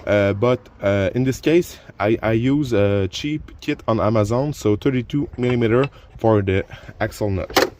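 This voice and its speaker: A French-speaking man, a DIY car repair YouTuber, walks through a car repair step by step while working in a garage or driveway. His casual how-to narration is full of fillers and restarts, delivered in a lowish, darkish voice at a moderate pace with slight background noise.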